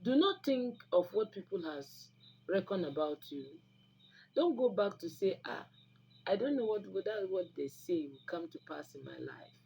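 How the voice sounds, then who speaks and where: This woman's voice is lowish, gravelly and dark, with a sing-song lilt and a moderate pace. A native Igbo speaker with a Nigerian Igbo accent, she hosts an online video giving herbal remedy advice, speaking informally and emphatically to viewers like a preacher and repeating phrases for stress. The audio is poor and carries noticeable background noise.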